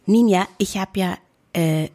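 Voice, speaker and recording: A woman chatting casually, telling an anecdote and acting out shouted quotes. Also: mid-range voice, unhurried. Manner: animated storyteller, acts out shouted quotes.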